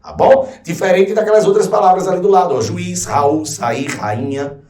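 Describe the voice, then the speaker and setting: A man's voice: high-pitched, normal speed, a little mellow, far from the mic. A man teaching a grammar lesson for an exam in a chatty, slangy way, often checking in with the viewers. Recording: roomy echo, voice from off the mic.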